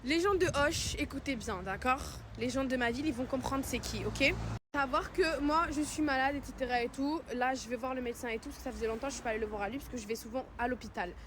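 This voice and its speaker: A woman's voice: high voice, quick pace, noisy background. A young woman telling her followers a personal story in a casual, indignant, slangy way, with emphatic retelling.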